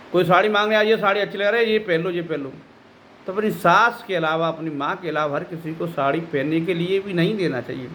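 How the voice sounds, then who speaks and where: A man's voice: on the high side, bright, forceful tone, slight background noise. A male spiritual teacher giving a devotional talk, scolding and admonishing his listeners. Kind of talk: devotional discourse.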